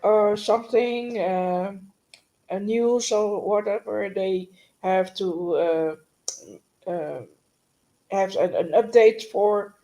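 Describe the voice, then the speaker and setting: A woman co-hosting a casual live-stream chat, speaking hesitantly with many pauses over a video call. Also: medium pitch, mellow. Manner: hesitant, many fillers and restarts.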